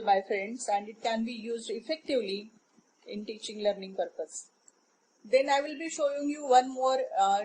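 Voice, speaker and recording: A middle-aged woman, patiently walking teachers through an online classroom tool with frequent pauses. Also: a little high, a little mellow, a little hiss or hum, rough recording. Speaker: teacher trainer. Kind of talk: screen-share tutorial.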